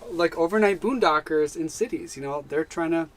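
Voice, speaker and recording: A man co-hosting a live van life chat, talking casually and upbeat, often chiming in with quick agreements. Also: fairly high pitch. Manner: upbeat, chatty, quick to chime in with short agreements.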